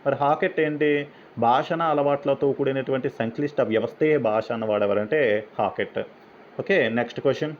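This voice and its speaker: A man's voice: medium pitch, normal speed. Man explaining exam questions. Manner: explains step by step, asks and answers his own questions. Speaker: teacher. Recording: slightly dull, faint background noise.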